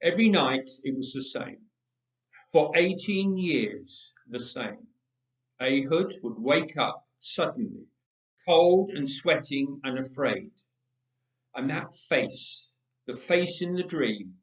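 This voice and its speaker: A medium-pitched male reader dramatically narrates a Bible story inside a church, using deliberate, expressive phrasing and repeating words for emphasis. The sound is roomy, with the church's echoing acoustic.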